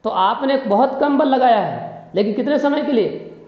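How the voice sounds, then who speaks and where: Lecturing on physics in a classroom, this man keeps quizzing his listeners with questions and repeating key phrases. His voice is very high, with lively intonation and a moderate pace, captured in a dull, echoey room with a long reverb tail.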